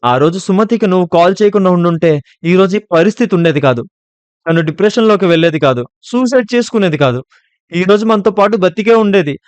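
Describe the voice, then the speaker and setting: A man's voice: high-pitched, fairly even intonation, fast, clear, resonant tone, dry recording, pitched above the performer's own voice, natural voice. A man voicing a terrified, furious young woman. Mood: scared, accusing. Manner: shouting accusingly through tears. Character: frightened, angry young college woman.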